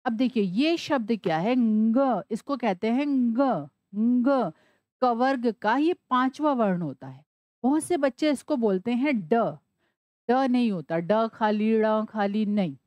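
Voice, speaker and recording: Woman teacher, higher voice, slow patient spelling-out, dry close sound. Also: expressive, a little mellow, no echo. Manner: spells words out slowly letter by letter, asking and answering her own questions. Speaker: Sanskrit teacher. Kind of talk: classroom explanation.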